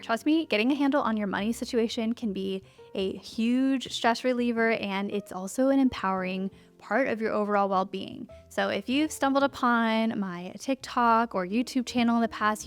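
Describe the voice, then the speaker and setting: A friendly woman in her thirties talks to the camera in a cozy sit-down vlog, a little breathless and quick to laugh. Her voice sits at an ordinary mid pitch for a woman, and soft music plays faintly behind her. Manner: friendly, chatty, laughs often. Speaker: lifestyle YouTuber.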